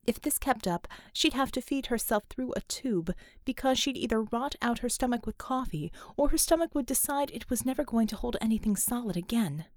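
A woman reading a story aloud as an audiobook narrator, unhurried and expressive. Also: fairly high pitch, dry recording, studio quality. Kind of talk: scripted narration.

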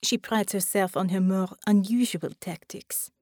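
A woman's voice: medium pitch, steady tone, measured pace, darkish tone, no room sound, clean studio sound, natural voice. A woman voicing a proud, prim female pilot spirit with a French accent. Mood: haughty.

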